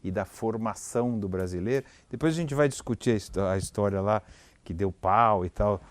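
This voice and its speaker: Low-voiced male podcast host. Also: moderate pace, dry recording. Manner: loose, informal steering of the talk. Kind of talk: casual interview chat.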